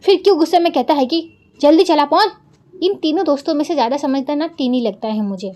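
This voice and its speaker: A woman's voice: high-pitched, fast talker, mellow. A woman narrating a drama recap in a chatty storytelling way, retelling each line of dialogue and adding her own asides to viewers.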